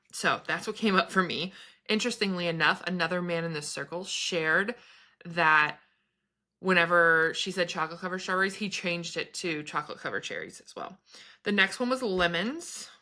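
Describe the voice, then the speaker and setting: A woman's voice: lowish voice, pushed and bright. A woman in her thirties chatting casually to camera about her spiritual experiences, meandering and laughing between thoughts. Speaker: spiritual vlogger and business coach.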